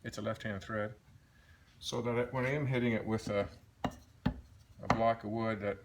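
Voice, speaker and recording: Easygoing guy in his home shop, gravelly voice, um-ing his way through a how-to. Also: fairly low pitch, steady tone, a little slow, heavy background noise. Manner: easygoing, thinks aloud with fillers. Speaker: hobbyist motorcycle restorer. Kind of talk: casual workshop how-to. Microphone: phone propped in a holder.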